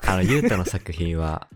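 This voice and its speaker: A young man co-hosting a casual chat in a jokingly formal way, laughing easily. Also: sits low. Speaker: podcast co-host.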